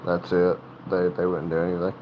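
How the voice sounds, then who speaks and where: A low-sitting, monotone male voice comes through with the highs cut off and a little hiss or hum. He hosts a livestream from North Carolina, chatting casually in a Southern accent, rambling, faltering and restarting his sentences.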